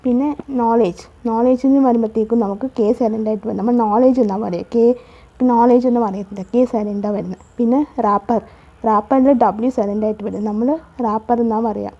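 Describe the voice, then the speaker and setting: Husky woman teaching English. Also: medium pitch, fairly even intonation, fast talker. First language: Malayalam. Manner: repetitive, patient explaining with restarts. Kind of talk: explaining a spoken English lesson. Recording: dull, lo-fi recording.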